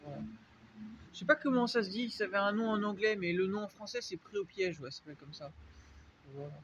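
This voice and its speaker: A man from France with a French accent talks through a casual vlog, wandering from point to point with constant fillers. His voice sits high for a man. The audio is dull and lo-fi, with a faint hiss underneath. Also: fairly quick, fairly bright tone. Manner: rambling, full of fillers and restarts. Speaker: vlogger. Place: dark unlit spot, vehicle noise around.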